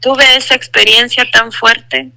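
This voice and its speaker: A woman's voice: fairly high pitch, flat delivery, unhurried, vocal fry, pushed and bright, dry recording, low-quality recording. A woman sharing a personal religious testimony in an earnest voice, repeating phrases for emphasis and speaking to the listener as brother.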